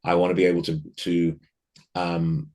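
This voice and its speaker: A man's voice: deep voice, monotone, moderate pace, a little mellow. A man from the UK, a podcast guest talking in a casual interview, reflective and thinking aloud with frequent restarts.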